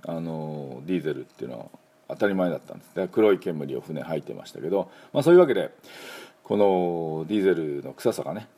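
Deep husky man teaching English casually. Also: fast. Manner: relaxed, chatty, many fillers and asides; leads call-and-repeat pronunciation drills. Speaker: English teacher and show host. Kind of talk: casual spoken English lesson.

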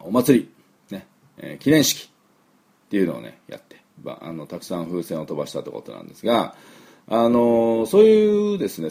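A middle-aged man giving a chatty weekly pronunciation lesson, slow, with many fillers, saying words for the listener to repeat. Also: deep voice, vocal fry, dark tone, husky. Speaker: English pronunciation teacher.

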